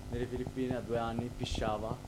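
A young man in casual podcast chat, telling a childhood story in an animated, slangy way with many restarts. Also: mid-range voice, brisk. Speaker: podcast co-host. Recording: noisy with a steady hum.

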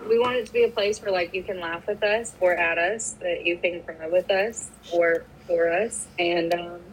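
A woman's voice: on the low side, fairly even intonation, moderate pace, a little hiss or hum, low-quality recording. Casting: woman from New York, podcast co-host, loose and chatty with lots of fillers. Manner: rambling, filler-heavy, friendly. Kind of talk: casual chat.

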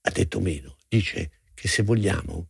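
A man's voice: lively intonation, normal speed, vocal fry, husky, no echo, heavily acted. A man voicing a stubborn, touchy unborn boy in a children's fairy-tale audio play. He grumbles and answers with sarcasm. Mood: stubborn, indignant. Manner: grumbling, sarcastic, with wide swings in pitch.

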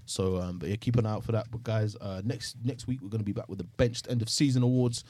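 A man's voice: fairly low pitch, steady tone, fast, warm tone, dry recording. A young man with a London accent hosting a podcast in a loose, jokey, slangy chat. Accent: London, urban slang. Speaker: podcast host. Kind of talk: casual chat and sign-off to viewers.

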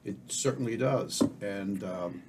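A man's voice: fairly low pitch, slow pace, noisy background. A middle-aged man co-hosting a podcast, chatting casually in a rambling, self-assured, opinionated way. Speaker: podcast co-host. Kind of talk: casual chat.

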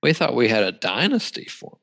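A man's voice: medium pitch, big pitch swings, a little fast, creaky, a bit bright. A man co-hosting a casual sports podcast, emphatic and swearing, with vivid exaggeration. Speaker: podcast co-host. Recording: roomy echo.

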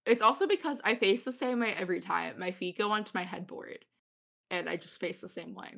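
A woman's voice: medium pitch, a little fast, gravelly, sharp tone. A young woman hosting a podcast, chatting casually with friends in a bubbly, giggly way. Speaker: podcast host.

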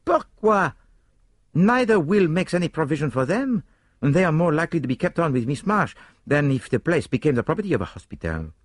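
In audiobook style, the reader voices an excitable detective, pushing his voice well above his own and swooping theatrically, on the high side and a little fast. The character is self-assured and fussy, full of formal, exclamatory turns, and sounds indignant and puzzled. The studio-quality recording has no echo.

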